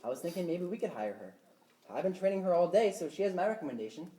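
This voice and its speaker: Actress as an eager goofball clerk, low mellow voice, echoey stage from afar. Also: female voice, sing-song, fast talker, far from the mic. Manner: eager, over-keen. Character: eager goofy young male store clerk. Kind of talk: student stage play.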